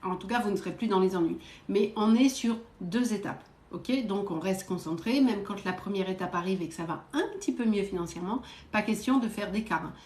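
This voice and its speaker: A woman psychic medium giving quick readings to viewers during a live stream, direct and coaxing, often adding little verbal tags. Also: medium pitch, darkish tone, echoey room. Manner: brisk, direct, coaxing, peppered with "hein" and "euh".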